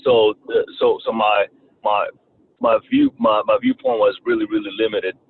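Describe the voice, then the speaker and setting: A man in his thirties from Rwanda with a slight Southern twang, talking haltingly as an interview guest and often repeating words. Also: on the low side, sing-song, creaky, breathy edge. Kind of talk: casual interview talk. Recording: tinny phone-like line, faint noise.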